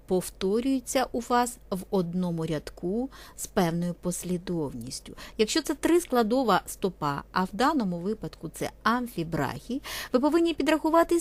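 A woman teacher talks students through a poetry lesson in a methodical, step-by-step way. She speaks straight to the class while narrating over a set of slides. Her voice sits at an ordinary middle pitch. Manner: methodical, explanatory, addressing students directly.

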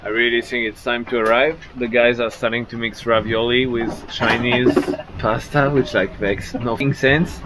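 A man's voice: medium pitch, normal speed, hardly any pauses, noisy background. A man in his thirties with a French accent, talking casually to the camera while sailing at sea. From France. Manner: calm to camera, shouting instructions on deck. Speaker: sailing vlogger. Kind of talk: casual vlog narration and crew calls. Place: open deck of a racing sailboat at sea.

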